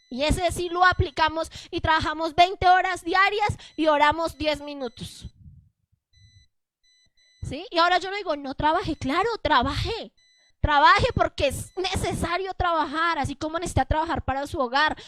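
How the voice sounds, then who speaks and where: A woman preaches. She talks in an animated way and keeps asking the congregation to answer back. The sound is dry and close. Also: very high-pitched, no echo. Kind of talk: sermon.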